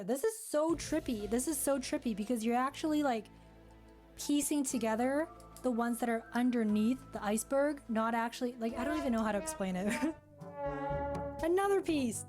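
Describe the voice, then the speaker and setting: A young woman narrates her own vlog in a chatty, giggly, self-mocking voice. Her voice sits a little high. Soft music runs faintly behind her. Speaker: vlogger.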